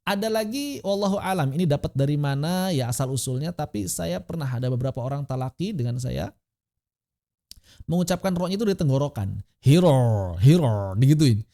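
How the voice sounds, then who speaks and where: A man's voice: fairly high pitch, gravelly. Indonesian man teaching tajwid online. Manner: demonstrates pronunciation with slow chanted recitation; explains in a relaxed conversational tone with frequent "begitu" and "ya". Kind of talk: online Quran recitation lesson.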